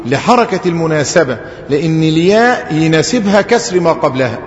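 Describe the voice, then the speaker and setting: A man with an Egyptian accent teaching a grammar lesson as an Islamic scholar. He stretches out quoted verses slowly and puts rhetorical questions to his class. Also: on the high side, animated, slight background noise. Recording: echoey hall, dull muffled audio.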